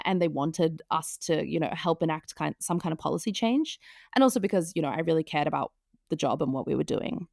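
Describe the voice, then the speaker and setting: Low, gravelly-voiced woman podcast host. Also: no room sound, studio quality. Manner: thoughtful, with many soft fillers. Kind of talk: reflective podcast conversation.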